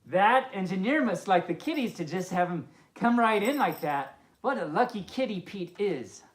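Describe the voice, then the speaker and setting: A woman with a mid-range voice hosts a children's story time in the role of a friendly pup, reading at a moderate pace with animated expression. She breaks off now and then for playful, amused asides. The room sounds roomy and echoing.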